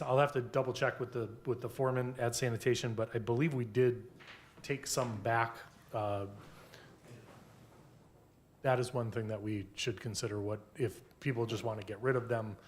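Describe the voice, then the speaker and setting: Male city official, American, plain halting explanations, medium pitch, faint room noise. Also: steady tone. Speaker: city official answering council questions. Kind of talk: informal explanation at a meeting. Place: indoor council meeting.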